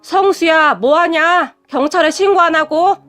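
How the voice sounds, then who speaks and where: A woman voicing a feisty middle-aged mother who shouts and scolds in a story. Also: high voice, expressive, moderate pace. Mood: yelling. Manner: shouting, bossy, wailing.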